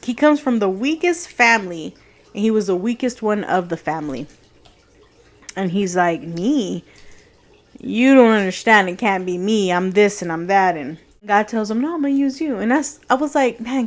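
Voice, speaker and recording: A woman talking earnestly in a personal vlog, reflective and heartfelt, with a few laughs. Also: mid-range voice. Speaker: vlogger sharing a faith journey.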